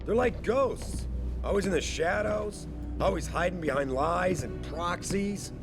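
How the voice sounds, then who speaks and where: An actor playing an intense, persuasive corporate boss in a video game, speaking in a dramatic, emphatic way. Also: male voice, high voice, lively intonation, unhurried. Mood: intense, ominous. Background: loud music.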